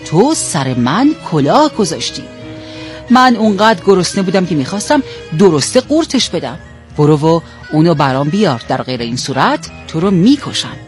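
A man's voice: a little high, big pitch swings, faint music behind. A man voicing a hungry, domineering male lion king who gives orders and threats. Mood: furious. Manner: commanding and threatening.

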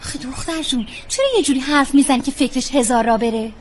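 A kindly, teasing woman, played by an actress, scolds and coaxes in a very high voice. Faint hiss runs under her. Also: lightly acted. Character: teasing, kindly woman coaxing a sulky girl.

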